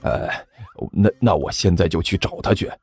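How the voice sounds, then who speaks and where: A man's voice: low-pitched, normal speed, slightly rough, no room sound, faint music behind, pitched below the performer's own voice. A man voicing an eager, stammering middle-aged master. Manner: hesitant, eager, repeats himself. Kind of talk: audiobook character voice.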